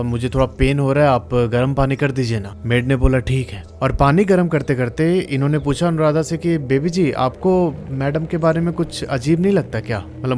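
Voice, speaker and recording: A man's voice: on the high side, a little mellow, slight background noise. Chatty male storyteller. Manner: chatty, addresses listeners as friends. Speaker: horror story narrator. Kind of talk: casual storytelling narration.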